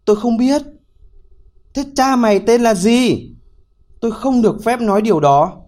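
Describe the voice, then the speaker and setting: A man's voice: very high voice, moderate pace, darkish tone, voice pushed up. A male storyteller voicing a foolish, bold young man who speaks bluntly and pleads with his elders. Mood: plain.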